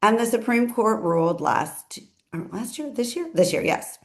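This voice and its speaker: A woman's voice: a little high, animated, moderate pace. A woman attorney giving casual legal commentary in a chatty way, often correcting herself and adding asides.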